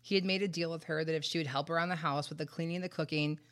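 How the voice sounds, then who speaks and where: A woman's voice: deep voice, steady tone, quick pace. A woman hosting a true-crime podcast, telling the story conversationally with wry, sarcastic asides, congested and short of breath from a head cold. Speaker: podcast host.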